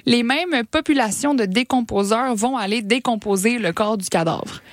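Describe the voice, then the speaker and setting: A woman's voice: fairly high pitch, moderate pace, no echo. Québécois woman host, chatty explainer, many "euh"s, dry close mic. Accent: Québécois French. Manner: explanatory, frequent "euh" hesitations. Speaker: science podcast host. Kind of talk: casual science explainer chat.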